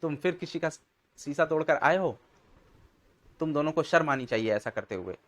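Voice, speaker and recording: A man's voice: fairly high pitch, lively intonation, moderate pace, voice pushed up, close to an everyday voice. A man voicing a stern father in a children's comic story, scolding and lecturing his two sons.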